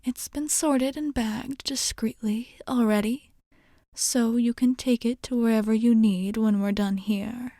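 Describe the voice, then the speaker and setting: Speaking as a courteous vampire bartender in an ASMR roleplay, this woman uses a breathy, nearly whispered softness to give polite, formal comfort. Her voice sits slightly high with a steady tone and measured delivery, and her mood comes across as reassuring and eager. The recording is dry, with clean studio sound.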